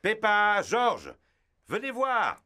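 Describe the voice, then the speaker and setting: A man's voice: sits high, huge pitch swings, very slow, sharp tone, slight background noise, full character voice. A man voicing a good-natured, easygoing and reassuring father pig in a French children's cartoon. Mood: jovial, reassuring. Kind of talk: children's cartoon dub acting.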